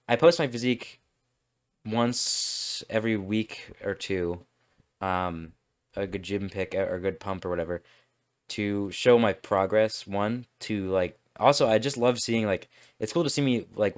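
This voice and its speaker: A young man hosting a podcast, rambling through a casual monologue, often breaking off and laughing at himself. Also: fairly low pitch. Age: young adult. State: burping, hiccups. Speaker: podcast host.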